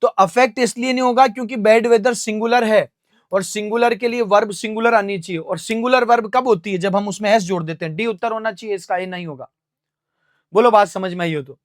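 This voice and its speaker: A young Indian-accented man with a high-sitting voice teaches an English vocabulary lesson, walking through each answer step by step. He poses questions and answers them himself, spelling words out slowly letter by letter. The sound is clean studio audio with no room sound.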